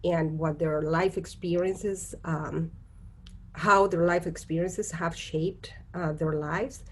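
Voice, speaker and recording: A woman from Costa Rica, a guest on a virtual panel held by video call, explains earnestly and conversationally, with frequent "right?" check-ins. She speaks slowly in a lowish, steady, slightly rough voice.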